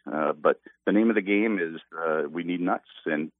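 A man's voice: low-pitched, normal speed. A man from north central Iowa, a hazelnut farmer talking in an easygoing way on a radio interview, with many "uh" fillers. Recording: tinny phone line.

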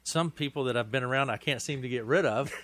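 A man's voice: medium pitch, fast, fairly bright tone, no echo. A man hosting a radio interview in a friendly, joking manner, asking guests about themselves. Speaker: radio host.

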